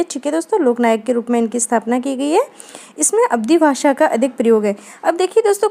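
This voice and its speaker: Woman lecturer, high and mellow voice, patient explainer who keeps checking in with students. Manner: explanatory, frequent "ठीक है दोस्तों" check-ins. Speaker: Hindi literature teacher. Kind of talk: exam-prep lecture.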